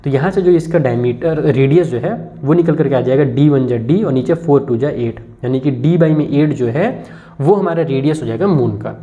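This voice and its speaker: A man's voice: medium pitch, normal speed, warm tone. A man teaching a maths lesson, explaining step by step and speaking directly to his students. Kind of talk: classroom math lesson. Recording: dull lo-fi recording.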